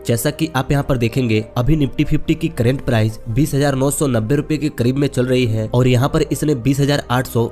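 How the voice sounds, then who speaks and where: A man's voice: medium pitch, a little mellow. A man with a mid-range voice walks beginners through a tutorial step by step. He speaks patiently and keeps pointing to things on screen. Faint music plays underneath. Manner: patient, explanatory, says "dekhiye" often. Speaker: trading teacher.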